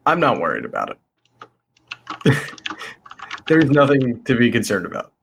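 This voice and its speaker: A man's voice: medium pitch, huge pitch swings, unhurried, vocal fry, noisy background. A man playing his character in a tabletop game, cocky and boastful. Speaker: player.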